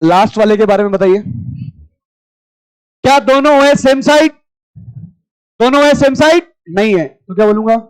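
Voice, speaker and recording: Brief: male chemistry teacher, very high smooth voice, drills class with repeated questions, dry close sound. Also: dry recording, rough recording. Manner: quizzing students with rapid repeated questions; familiar, addresses class as brother. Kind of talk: classroom lecture.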